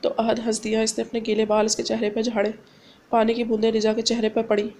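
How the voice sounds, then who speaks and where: A woman narrating a romance novel aloud at an even, steady pace. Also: on the high side, fast talker. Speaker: audiobook narrator. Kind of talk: novel reading.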